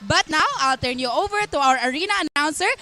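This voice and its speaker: A woman's voice: sits high, expressive, quick pace, sharp tone. A woman with a Filipino accent delivering a scripted courtside sports report.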